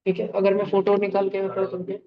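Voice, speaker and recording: A male chemistry teacher explains in a playful, animated way, acting out ideas with sound effects and homely comparisons. He keeps turning to his students with quick questions. The recording is dull and lo-fi. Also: high voice, slight background noise. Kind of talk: live online class lecture.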